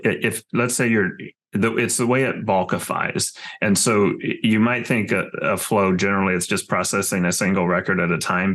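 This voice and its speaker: A man's voice: deep voice, a bit bright. A man hosting a user group meeting, explaining a technical point methodically, step by step.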